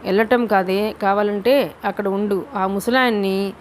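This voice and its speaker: A woman voicing a greedy, harsh, sarcastic middle-aged father who speaks slowly in a rustic, mocking way. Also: mid-range voice, fairly even intonation, slight background noise, close to an everyday voice. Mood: scornful.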